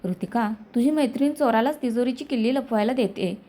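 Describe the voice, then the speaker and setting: A woman's voice: fairly high pitch, a little fast, mellow, lightly acted. A woman reading as a scheming young man. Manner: amused, conspiring.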